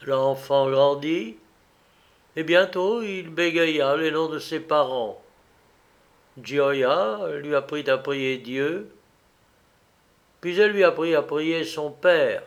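A man reading a gothic tale aloud in a slow, dramatic storybook narration. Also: a little high.

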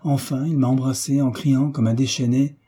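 Male reader playing a flustered older housekeeper woman, raised and excited, gravelly-dark tone. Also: medium pitch, moderate pace, close to an everyday voice. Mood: alarmed. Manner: excited, exclaiming.

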